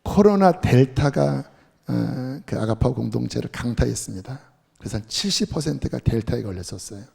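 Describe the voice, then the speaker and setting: A man preaching a sermon as pastor, lively and earnest, sometimes dropping to a whisper. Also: medium pitch, normal speed, creaky, husky. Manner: animated preaching, drops to soft whispers for prayers. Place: church sanctuary.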